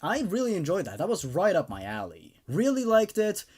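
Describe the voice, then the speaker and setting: A man hosting an online horror story show switches between casual commentary and reading stories aloud. His high voice swoops wildly in pitch, moving briskly with a slightly mellow, breathy edge.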